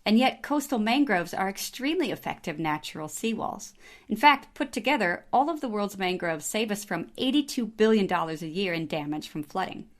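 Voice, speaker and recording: A woman from the American Great Lakes region co-hosting a podcast, delivering a clear friendly scripted introduction. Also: medium pitch, animated, fairly quick. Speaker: podcast co-host.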